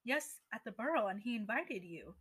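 A woman voicing a brisk, scolding young woman as she reads a story aloud. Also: a little high, animated, fairly bright tone, slightly rough, rough recording. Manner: brisk, exasperated.

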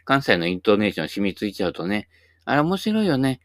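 Older guy in his 60s just chatting away on his channel, folksy and rambly, dry close sound, lowish voice. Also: big pitch swings, fast talker, dry recording. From Japan. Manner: chatty, folksy, many tag particles and asides. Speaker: YouTube host. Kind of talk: casual rambling monologue.

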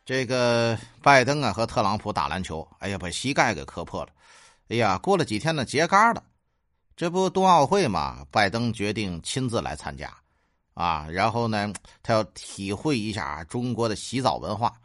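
A man's voice: lowish voice, moderate pace, no room sound, clean studio sound. A man with a Tianjin accent telling jokes in a chatty, casual way, full of fillers. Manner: chatty, animated, many fillers. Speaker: joke teller. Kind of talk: casual comedic storytelling.

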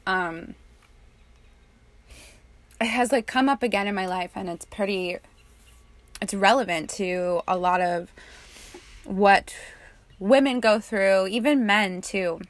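Slow, soft-spoken young woman guiding meditation. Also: mid-range voice. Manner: soft, calm and unhurried, with casual fillers. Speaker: meditation guide. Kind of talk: guided meditation and personal reflection.

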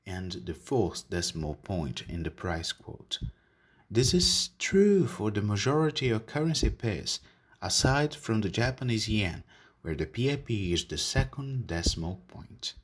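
A man hosting a podcast, reading a scripted educational explanation in a measured manner. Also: deep voice, husky. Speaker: podcast host.

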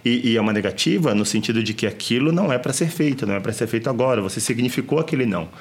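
A man, calmly explaining child development in casual conversation. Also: medium pitch, very fast. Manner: calm, explanatory.

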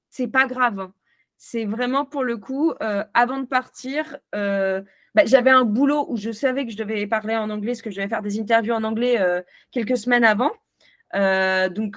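A woman from France chats as a podcast guest, her voice sitting a little high. She hands out advice in a loose, hesitant flow. The sound is close and dry, with no room in it. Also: no echo. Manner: chatty advice-giving with many hesitations. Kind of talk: casual interview chat.

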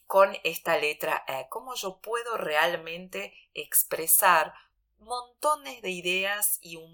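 A woman teaching a radio language lesson, patiently explaining and reciting example phrases slowly. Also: on the low side, gravelly, bright, forceful tone.

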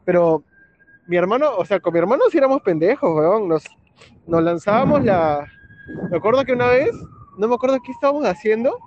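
A man with a Peruvian accent chatting casually, slangy and relaxed, laughing at his own stories. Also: sits high, a little fast. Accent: Peruvian Spanish. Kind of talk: casual chat. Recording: muffled lo-fi with faint background hiss.

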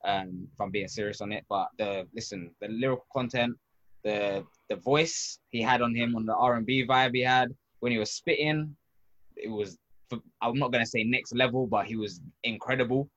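A man's voice: mid-range voice, normal speed, a bit bright, dull audio. A man chatting casually as a podcast co-host, slangy and emphatic, repeating his phrases. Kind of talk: casual album review chat.

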